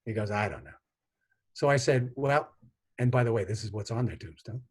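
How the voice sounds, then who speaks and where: A man in his sixties, a guest on a video call, tells family stories in an animated way and acts out the voices of the people in them. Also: mid-range voice, a little fast, slightly rough. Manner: animated anecdotes with voiced quotes. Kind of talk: conversational storytelling.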